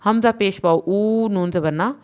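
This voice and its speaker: This recorded Quran reading lesson features a woman whose mid-range voice is a little mellow. She works through syllables slowly, blends them together, and explains the rules more quickly in plain terms.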